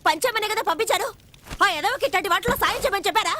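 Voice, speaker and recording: An actress playing an anxious, protective older sister in a dubbed film drama, scolding and tearful. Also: female voice, very high-pitched, animated, racing, sharp tone, a little hiss or hum, full character voice. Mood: fearful.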